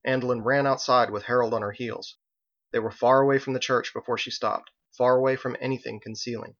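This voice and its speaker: A man narrating an audiobook in a measured, even reading. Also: medium pitch. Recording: dull, slightly lo-fi recording.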